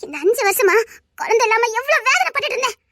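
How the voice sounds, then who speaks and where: Someone doing a sad soft tirunelveli big sister, very high bright voice, dry. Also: animated, fast, dry recording, full character voice. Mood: urging. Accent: Tirunelveli Tamil. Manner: tearful, soft-spoken, affectionate. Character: sorrowful childless elder sister, gentle. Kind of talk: homemade family drama.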